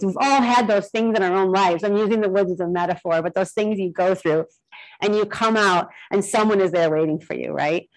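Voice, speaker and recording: A woman's voice: medium pitch, poor audio. Young woman, guest artist, loose and rambling talk to a live gallery crowd. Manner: chatty and rambling, with many fillers. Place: gallery event in front of an audience.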